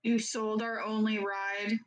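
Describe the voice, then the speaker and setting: A woman's voice: mid-range voice, flat delivery, slow. A woman casually improvising as a player in a tabletop role-playing game.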